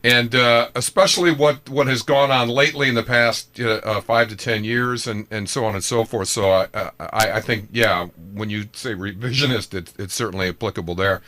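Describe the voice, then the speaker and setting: A man hosting a morning radio show, talking in DJ interview patter with a halting, repetitive delivery. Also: lowish voice, steady tone, bright, forceful tone.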